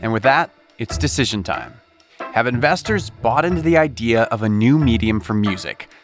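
A man narrating a business pitch show in a scripted voice-over with a punchy, dramatic delivery. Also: sing-song, moderate pace, music in the background.

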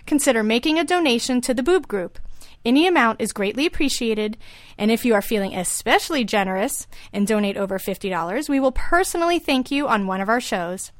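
A woman's voice: fairly high pitch, expressive, a little fast, no echo. A woman podcast host and lactation consultant, reading a scripted show intro in an upbeat way.

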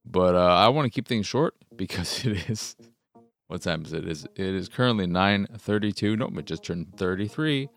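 A man's voice: deep voice, animated, normal speed, creaky, soft background music. A man in his thirties hosting a casual podcast, talking in a loose, rambling, crude way into a close microphone. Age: 30s. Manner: loose, rambling and crude, with playful silly voices. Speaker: podcast host. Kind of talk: casual solo podcast chat.

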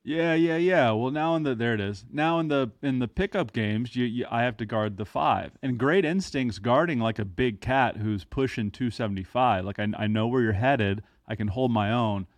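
A man's voice: medium pitch, normal speed, few pauses, dry recording. Man, thirties, podcast host, dry self-mocking humor, casual chat, dead dry sound. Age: 30s.

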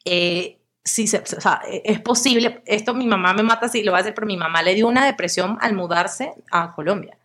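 Lively Venezuelan-born woman storyteller. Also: medium pitch, fairly quick, hardly any pauses. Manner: lively storytelling, acts out quoted voices. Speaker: podcast guest, actress. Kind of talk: casual interview chat.

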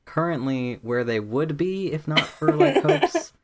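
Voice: medium pitch, wildly swooping pitch, unhurried, slight background noise. A player of a tabletop game talking in a hesitant way, full of fillers. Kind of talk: casual tabletop game chat.

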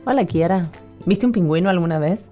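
Low-voiced Rioplatense woman radio host. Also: fairly quick, warm tone, soft background music. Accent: Rioplatense Spanish. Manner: playful, encouraging, echoes the child's answers. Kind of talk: radio interview with a child.

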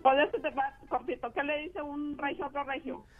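A woman's voice: high-pitched, fairly even intonation, brisk, dry recording, phone-quality sound, soft background music. A woman caller telling a joke on the phone, chatty and laughing.

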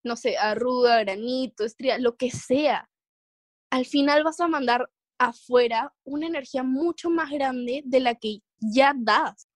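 A woman's voice: sits high, measured pace, no room sound, clean studio sound. A woman guesting on her cousin's podcast, chatting casually and playfully. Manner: giggly, playful.

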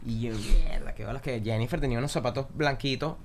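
A young man with a Venezuelan Spanish accent tells stories in a loose, slangy way. His voice sits at a middle pitch, and he talks like he is chatting casually on a podcast. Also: quick pace, slight background noise. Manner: slangy, animated anecdote telling. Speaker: singer-songwriter guest.

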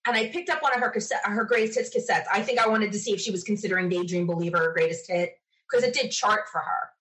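This middle-aged woman is a podcast guest swapping casual stories, opinionated and emphatic. She talks fast in a medium-pitched, fairly bright voice, and the recording is rough.

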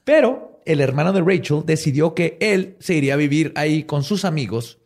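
A man's voice: a little high, expressive, moderate pace, darkish tone. A man with a Mexican Spanish accent hosting a podcast, telling a story in a jokey, slangy way and laughing often. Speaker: podcast host. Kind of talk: casual storytelling chat.

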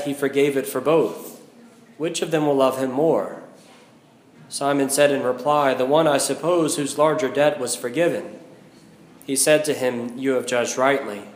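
American priest, echoing in a big church. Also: male voice, fairly high pitch. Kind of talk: liturgical Gospel reading and homily. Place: inside a large church. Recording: echoing large church hall.

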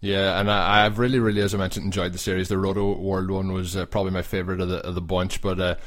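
Irish man, podcast host, quick delivery, lowish voice, lots of uhs. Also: level tone, fairly bright tone. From Ireland. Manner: hesitant, many uhs. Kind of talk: casual podcast interview.

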